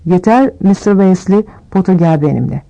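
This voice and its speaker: A woman voicing a stern, strict older female teacher who speaks in a sharp, scolding manner, in an audiobook. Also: fairly low pitch, animated, normal speed, vocal fry, poor audio.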